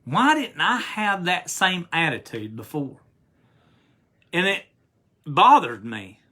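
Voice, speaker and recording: A man's voice: fairly high pitch, very animated, takes it slowly, bright, forceful tone. A man who has preached for many years, giving a rambling, earnest devotional talk with lots of restarts and reading scripture aloud. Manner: earnest and emotional. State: recovering after hospital stay.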